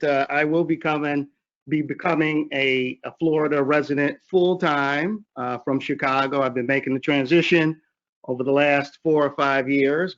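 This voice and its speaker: A man introducing himself and his investment firm as a webinar panelist, heard over a group video call. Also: fairly high pitch. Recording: dull lo-fi call audio.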